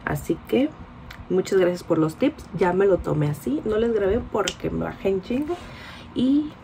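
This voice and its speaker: A woman's voice: medium pitch, expressive, moderate pace, creaky, warm tone, a little hiss or hum, poor audio. A woman in her forties with a Mexican Spanish accent, chatting informally to a phone camera held close for her vlog. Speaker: vlogger. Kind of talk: casual vlog chat to camera.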